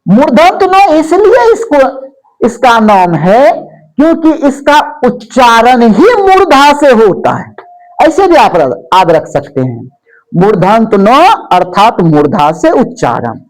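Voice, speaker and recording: A woman's voice: a little high, sing-song, takes it slowly, a little mellow, rough recording. A woman teaching a grammar lesson, repeating each term and asking and answering her own questions. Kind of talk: classroom lesson.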